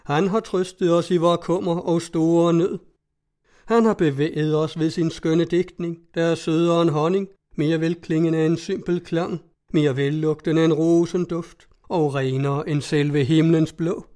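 A fickle ancient crowd proclaiming at the top of its voice, as a man reads it aloud. The voice sits a little high and stays mellow, fitting a storybook scene. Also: fairly even intonation, lightly acted. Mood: exultant.

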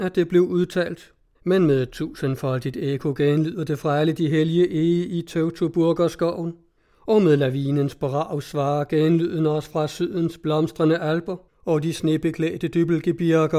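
A man voicing a pompous small-town orator who gives a slow, grandiose speech. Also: fairly high pitch, mellow, close to an everyday voice.

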